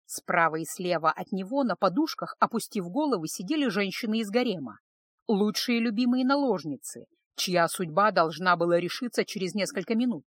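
A woman reading a first-person audiobook in a steady, expressive narration on a close microphone. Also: medium pitch, normal speed, dry recording.

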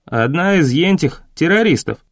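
A man voicing a rough, threatening young male soldier in an audiobook, with coarse, commanding speech. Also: on the high side, animated, normal speed, no echo, studio quality. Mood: gruff. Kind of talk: audiobook reading.

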